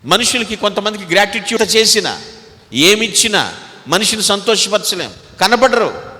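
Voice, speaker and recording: Emphatic Telugu pastor preaching in a hall. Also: male voice. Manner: emphatic preaching, swinging between loud exhortation and low asides. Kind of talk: sermon.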